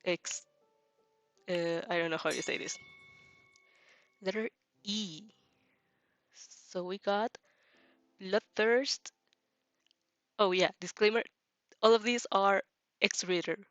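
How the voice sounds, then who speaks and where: Taking it slowly and pausing often, a woman with a steady, slightly bright mid-range voice chats on her fanfic reaction livestream. Music runs in the background while she giggles and hesitates, searching for the right words.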